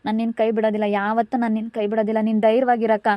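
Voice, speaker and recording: A woman's voice: on the high side, level tone, racing, no echo, dull audio, natural voice. A woman with a rural central Karnataka Kannada accent playing a devoted younger sister who pleads insistently with her crying elder sister, in an amateur village drama. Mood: pleading.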